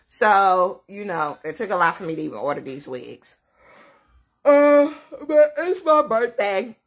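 Her voice is mid-range with big pitch swings and a measured pace as she talks casually to camera. She's a vlogger in her 30s with many kids, rambling and laughing in a small indoor room at home.

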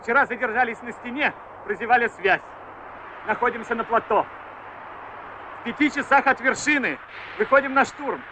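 An actor playing a male mountain climber reporting to base through a crackly field radio transmission, in loud, clipped radio calls. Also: very high voice, normal speed, long pauses. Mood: urgent. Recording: muffled radio sound with hiss.

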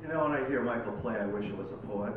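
At a live poetry night, a fast-talking man from Oregon with a mid-range voice reads his own poems theatrically and dramatically, adding informal introductions. Recorded from a distance, the sound is tinny, very echoey and faintly noisy.

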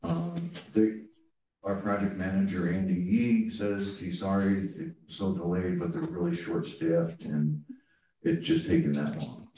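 A man giving a project update to a board committee, with many ums and pauses, recorded in a conference room from a distant camera. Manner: halting, many ums, animated pitch swings. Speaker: staff member reporting to a board committee. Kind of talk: meeting update. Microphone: far room camera. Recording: very echoey room, distant mic, faint noise.

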